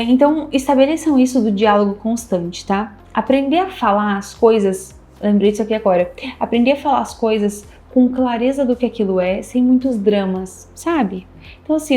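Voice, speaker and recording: A woman's voice: high voice, warm tone. A Brazilian woman, a couples therapist, giving relationship advice in a casual, emphatic way and repeating her key points. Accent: Brazilian Portuguese. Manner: emphatic, repeats key phrases, acts out little dialogues. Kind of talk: casual advice talk to camera.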